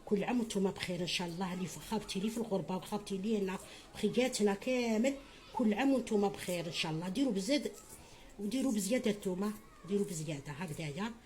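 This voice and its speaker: This home cook, a middle-aged woman with an Algerian Arabic accent, talks rapid-fire in a mid-range, slightly mellow voice during her cooking tutorial. She's talkative and nurturing, referring to viewers as her children and offering blessings.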